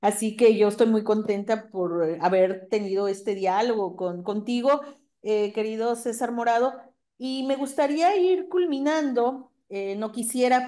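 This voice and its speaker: Mellow woman hosting an interview. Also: on the high side. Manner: courteous, hesitant with many fillers. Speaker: interviewer host.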